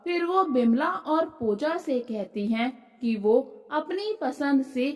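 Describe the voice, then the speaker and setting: Storyteller: woman, high-pitched, unhurried, calm scripted narration.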